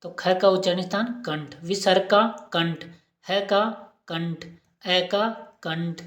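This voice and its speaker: A woman's voice: lowish voice, steady tone, takes it slowly. A woman teacher giving an exam-prep lesson, asking questions and repeating each answer aloud. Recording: roomy echo.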